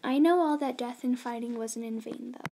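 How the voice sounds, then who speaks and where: A woman's voice: on the high side, moderate pace, mellow, a little hiss or hum, natural voice, rough recording. A woman voicing a young male immigrant miner, in an earnest first-person school history narration read plainly aloud.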